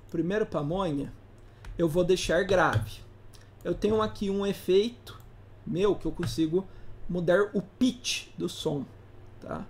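Casual, chatty instructor, mid-pitched voice. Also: darkish tone. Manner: informal, asks the audience rhetorical questions; slangy, playful teaching asides. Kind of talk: casual live class explanation.

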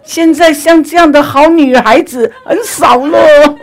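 Casting: pitying elderly woman with a raised, gravelly laughing voice, put on by a woman preacher. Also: high-pitched, measured pace, pitched above the performer's own voice. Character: elderly woman in her seventies, kindly and pitying.

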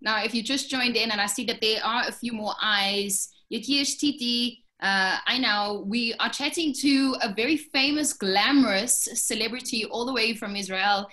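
A woman radio and TV presenter hosting an online interview, chatty and enthusiastic, speeding up when excited. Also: a little high, normal speed, hardly any pauses.

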